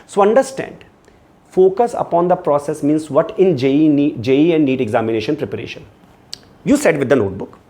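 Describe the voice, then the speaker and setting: High-pitched Indian-accented man, emphatic teacher. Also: expressive, brisk, warm tone. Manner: emphatic, repeats phrases for stress; switches into Hindi words mid-sentence. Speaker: exam coaching teacher. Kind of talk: motivational study lecture.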